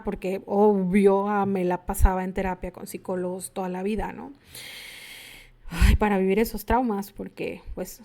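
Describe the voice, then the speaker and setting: A woman's voice: mid-range voice, dark tone. A woman, telling her personal story to an audience in a confessional manner and acting out remembered conversations. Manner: confessional, acts out remembered dialogue. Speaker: workshop speaker sharing her story.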